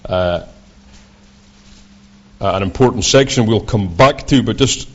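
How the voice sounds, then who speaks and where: Man, broad Scottish accent, lowish pitch, preacher giving a sermon, deliberate halting delivery, muffled lo-fi recording. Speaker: visiting preacher. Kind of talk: sermon with scripture readings. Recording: dull, lo-fi sound.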